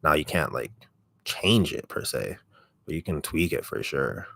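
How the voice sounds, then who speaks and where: A man with a deep, raspy voice chatting casually on a livestream, relaxed and rambling, speaking very close to the microphone. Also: unhurried, no echo. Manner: relaxed, rambling, heavy use of "like". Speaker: ASMR content creator on a livestream. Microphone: microphone held very close.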